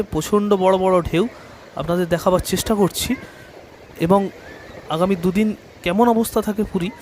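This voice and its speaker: Guy from doing a newsy vlog report, high voice, street noise behind him. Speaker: travel vlogger hosting a live weather update. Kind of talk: vlog commentary to viewers. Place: outdoors by a seaside road. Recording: outdoor noise, traffic and ambience.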